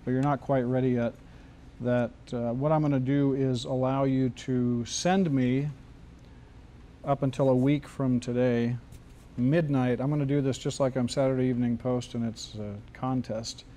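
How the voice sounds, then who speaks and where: Mellow-voiced man teaching a casual class. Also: medium pitch, steady tone, moderate pace, a little hiss or hum. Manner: loose, joking, many restarts. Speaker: screenwriting teacher.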